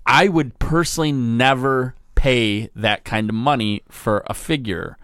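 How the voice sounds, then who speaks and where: A man co-hosting a casual podcast, talking in a relaxed, measured way and giving advice. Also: medium pitch, clear, resonant tone, no echo, studio quality. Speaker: podcast co-host. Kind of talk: casual chat.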